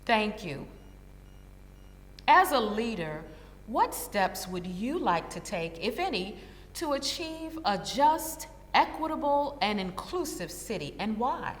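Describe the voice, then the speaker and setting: A woman interviewer reading formal questions to a candidate in a measured way. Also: mid-range voice, big pitch swings. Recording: hall with long reverb.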